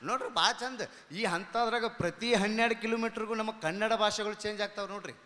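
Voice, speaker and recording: A man's voice: high-pitched, fairly even intonation, fairly quick, bright, forceful tone, in a large hall. A man doing stand-up comedy storytelling on stage with a North Karnataka accent, telling folksy tales and slipping into character voices. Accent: North Karnataka Kannada. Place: comedy stage before an audience.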